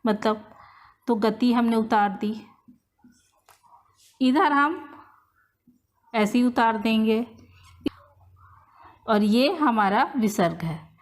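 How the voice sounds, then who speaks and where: A woman's voice: fairly high pitch, animated. A woman teaching a grammar lesson, walking through each rule step by step and repeating key points. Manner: slow, repetitive step-by-step explaining. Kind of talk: whiteboard-style grammar lesson.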